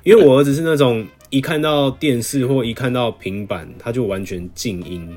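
A man's voice: mid-range voice, moderate pace, over music. A Taiwanese man and father of two, a podcast guest talking earnestly about raising his kids. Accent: Taiwanese Mandarin. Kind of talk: casual chat.

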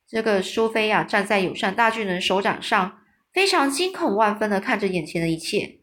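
A woman reading a children's story aloud, lively, pausing to explain hard words in plain talk. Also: medium pitch. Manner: lively, with small restarts.

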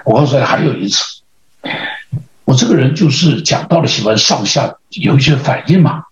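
Taiwanese-accented pastor telling lively stories. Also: male voice, medium pitch, normal speed. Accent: Taiwanese Mandarin. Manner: lively anecdotal, acts out dialogue. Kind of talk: storytelling sermon. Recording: roomy, slightly dull podcast audio.

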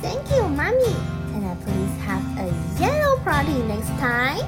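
A woman's voice: high voice, huge pitch swings, measured pace, voice pushed up, exaggerated voice. A woman voicing a childlike, dramatic little crocodile princess who cries easily, in a children's audio story. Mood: delighted. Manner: exclamatory, childlike. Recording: music under the voice.

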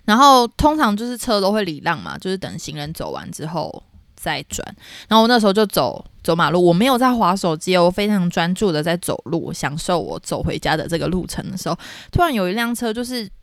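A young woman tells a story on a casual podcast. Her pitch swoops up and down all the time, and she shouts out quoted lines. The sound is close and dry. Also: fairly quick, no echo. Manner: animated, dramatic retelling with shouted quotes. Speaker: podcast co-host.

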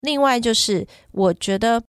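A parent who runs summer camps for children appears as a podcast guest, a middle-aged woman explaining at length and illustrating with examples in casual talk. Her voice is fairly high, smooth and unhurried, captured in a clean studio with no room sound.

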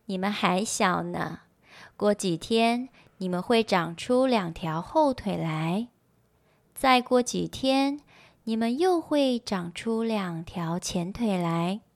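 A woman's voice: medium pitch, expressive, slow pace, gravelly, no room sound. A woman as a tender loving mother frog.

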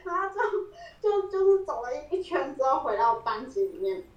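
A lively podcast co-host, a woman, tells a story with a lot of laughter. Her voice sits a little high. She sounds distant from the mic, in a room with plenty of echo. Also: brisk, muffled recording. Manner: animated, laughing often, acting out quoted lines. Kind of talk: casual storytelling chat. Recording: roomy echo, voice set back from the mic.

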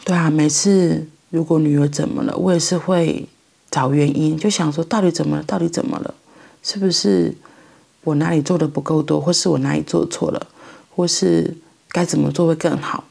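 Middle-aged woman, Taiwanese Mandarin accent, reflective monologue; heavy vocal fry, breathy, halting phrasing. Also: low voice, steady tone, a little mellow. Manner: halting, thoughtful, pauses mid-phrase. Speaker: mother sharing parenting reflections.

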